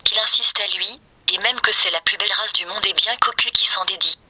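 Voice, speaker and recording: This is a woman's text-to-speech voice with a very bright, sharp edge and a raspy, breathy grain. It sits at a middle pitch. The novel is read in a scripted, mechanical manner with choppy phrasing. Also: a little fast, no echo, poor audio. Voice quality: synthetic, machine-generated. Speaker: synthetic text-to-speech reader. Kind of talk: scripted audiobook-style reading of a novel.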